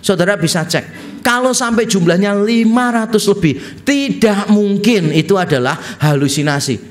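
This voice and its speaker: A middle-aged man from Indonesia, a pastor preaching a lively expository sermon and telling stories. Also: moderate pace. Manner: lively storytelling with wide pitch swings, quoting others.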